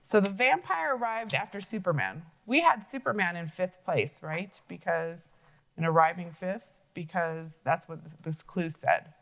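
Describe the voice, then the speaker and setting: A woman teaching young children, her voice sitting a little low but swinging widely in pitch. She reasons through a puzzle step by step, often pausing to ask her listeners questions. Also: lively intonation, a bit bright. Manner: thinks aloud, asks questions to kids. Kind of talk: classroom logic-puzzle lesson for young children.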